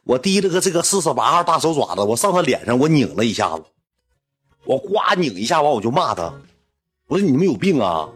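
Animated husky Northeastern Chinese man. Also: mid-range voice, fairly quick, soft background music. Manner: animated, rambling, indignant. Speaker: storyteller. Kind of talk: comic personal anecdote.

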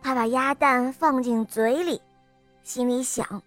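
A woman narrating a children's picture book, gentle and expressive, talking to young listeners. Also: high voice, slow pace, soft background music. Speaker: children's storyteller. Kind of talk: storybook narration.

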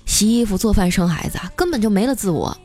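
A young woman tells a comic story in a chatty, easygoing way, drawing out her sentence endings. Her voice sits at a middle pitch. Faint music plays under her. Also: expressive, a little mellow. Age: young adult. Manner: chatty, lots of drawn-out sentence particles. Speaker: storyteller host. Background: faint background music.

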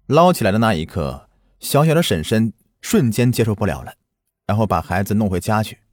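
A man's voice: fairly low pitch, dry recording, studio quality. A man narrating a first-person ghost story in an earnest manner, recounting a village memory from his childhood.

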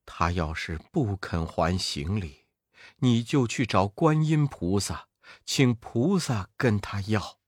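A man voicing a gentle, frail elderly monk master, soft and weary, in a storybook reading. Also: on the low side, lively intonation, takes it slowly, no echo, studio quality, pitched below the performer's own voice.

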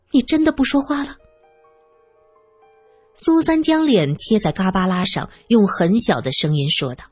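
A woman narrating a serialized audiobook in an expressive storytelling manner. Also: mid-range voice, slightly rough.

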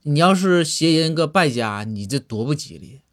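Male storyteller as a crafty official, quiet and measured, lively pitch. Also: no echo, studio quality, close to an everyday voice. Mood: sly. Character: sly, earnest male judge with wordplay.

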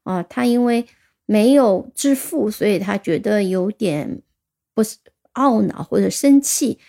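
A woman teaching English vocabulary, explaining in one language and reading example sentences slowly, spelling words out letter by letter. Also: mid-range voice, animated, gravelly, mellow. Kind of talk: vocabulary lesson.

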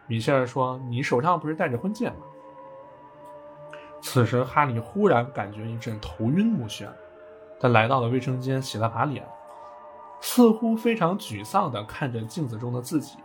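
A man's voice: medium pitch, sing-song, normal speed, soft background music. Chatty man retelling a game story. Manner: chatty, jokey asides. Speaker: podcast storyteller.

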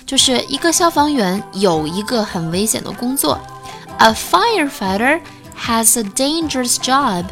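A woman with a fairly high voice teaches everyday English phrases, explaining them in Chinese. She says each English line slowly and carefully so learners can copy it. Soft music plays faintly behind her.

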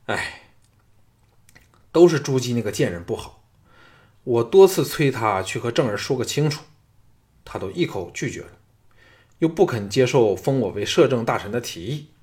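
A male audiobook narrator voicing a scheming, powerful chancellor in a low, hushed plotting tone. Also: expressive, moderate pace, pauses often, natural voice. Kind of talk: audiobook character reading.

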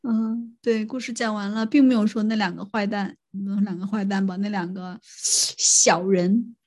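A woman with a middle-pitched voice tells a folk tale in relaxed conversation. She speaks softly and with a wry, easygoing tone. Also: moderate pace. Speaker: podcast co-host. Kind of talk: casual storytelling chat.

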